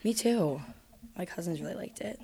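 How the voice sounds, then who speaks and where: A woman's voice: fairly low pitch, animated, moderate pace, creaky, noisy background. A young woman co-hosting a casual podcast, easygoing and giggly, on a home computer mic. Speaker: podcast co-host. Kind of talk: casual chat. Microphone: home computer mic with headphones.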